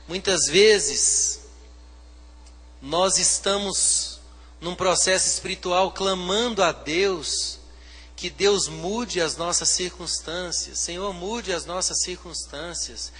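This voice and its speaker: A man with a Brazilian Portuguese accent, a pastor preaching a sermon, swinging from hushed to loud, fervent delivery. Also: sits high, takes it slowly, husky, in a large hall.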